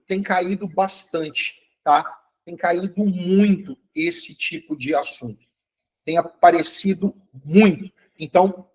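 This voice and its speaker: High and a little mellow with a breathy edge, his voice comes through a low-quality recording. Leading a live online chemistry review, he stays upbeat and encouraging, addressing students by name and frequently making sure they understand.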